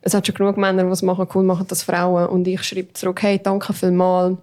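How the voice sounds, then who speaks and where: Earnest Swiss German woman, lowish voice. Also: completely flat delivery, fast talker, a little mellow. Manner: earnest, explains with examples. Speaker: podcast co-host. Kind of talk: casual chat.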